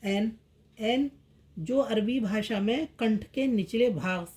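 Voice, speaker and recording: A woman teaching Urdu script in a slow lesson, repeating each word several times as she writes it out. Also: a little high, darkish tone. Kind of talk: slow step-by-step language lesson.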